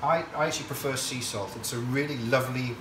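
A man's voice: medium pitch, fast, distant mic. A man talks as a cooking show host, casually explaining each step to camera in a chatty, digressive way. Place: indoor kitchen at a stove. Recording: echoey kitchen, off-mic, hiss and sizzle. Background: frying sizzle and stirring.

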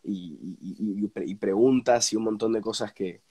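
A young man with an Argentine accent, congested and snotty from a cold, chatting casually as an interview guest and haltingly repeating words as he searches for phrasing. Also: on the low side, dark tone, husky. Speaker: interview guest, radio presenter. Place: indoors at home, on a video call.

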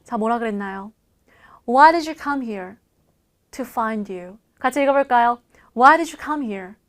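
A woman teaching a language lesson in a lively, coaxing way, repeating phrases for learners to follow. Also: a little high. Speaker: English teacher. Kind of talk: video lesson.

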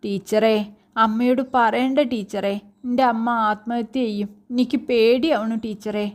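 A woman's voice: a little high, steady tone, measured pace, close to an everyday voice. A woman reading a story aloud, voicing a frightened teenage schoolgirl who pleads and breaks off mid-sentence through her tears.

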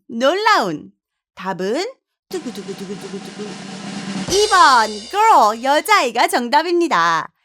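Female tutor, fairly high, animated, cheerful, unhurried lesson delivery. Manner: playful and energetic, quizzes the viewer. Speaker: English teacher. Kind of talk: online English lesson.

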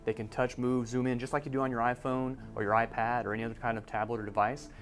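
A man in his forties reporting a news feature, explaining technology in a brisk, conversational way. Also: mid-range voice, level tone. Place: office room.

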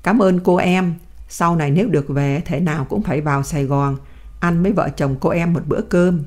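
A stubborn old male prisoner with a dignified bearing, delivering his words in a firm, measured way, voiced by a woman reading the story. The voice sits a little low and close to the reader's own. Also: darkish tone, close to an everyday voice. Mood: friendly.

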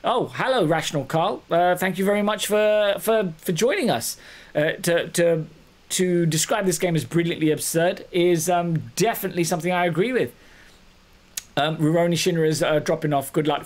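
A man chatting casually while streaming a game, halting with fillers. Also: a little high. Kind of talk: casual chat over gameplay.

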